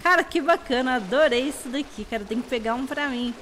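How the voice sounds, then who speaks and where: A young woman with a Brazilian Portuguese accent, chatting casually through her own gameplay. Her voice is slightly hoarse, and she talks excitably with sudden high shrieks. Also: a little fast, slight background noise. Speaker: gameplay video host. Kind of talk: casual let's-play commentary.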